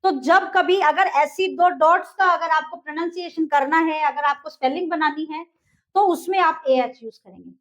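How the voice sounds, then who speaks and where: A woman's voice: sits high, normal speed, a bit bright, rough recording. A woman teaching English, explaining step by step and asking the class questions she then answers herself.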